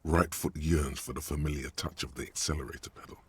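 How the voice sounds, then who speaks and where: An actor playing a detective's smug, needling inner voice that also narrates a game. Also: male voice, very deep voice, fairly even intonation, a little fast, breathy edge, full character voice. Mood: narrating. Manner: sardonic, needling.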